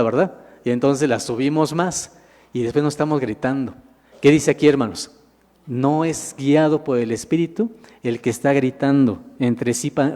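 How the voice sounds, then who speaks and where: Preacher in a reverberant hall. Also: male voice, a little high, dark tone. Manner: keeps asking the congregation questions and answering them himself; calls listeners "hermanos". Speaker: minister. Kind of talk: sermon, Bible teaching with slides. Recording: long reverb of a large hall.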